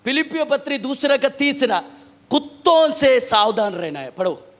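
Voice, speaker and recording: A male pastor preaching a sermon. He repeats phrases, questions the congregation, and swings from loud outbursts to low asides. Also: expressive, normal speed. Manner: questions the congregation and tells them to read aloud.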